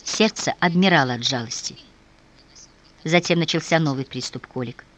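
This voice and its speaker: An audiobook narrator giving a measured, even reading of a historical novel, dropping low and soft in grim passages. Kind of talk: scripted narration.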